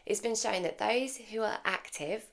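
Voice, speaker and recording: A woman's voice: mid-range voice, unhurried, creaky. A woman in her thirties hosting a podcast for mums, speaking in an encouraging way and putting questions straight to her listeners. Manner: warm, encouraging, addresses listeners directly with questions. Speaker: podcast host. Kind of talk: scripted podcast monologue.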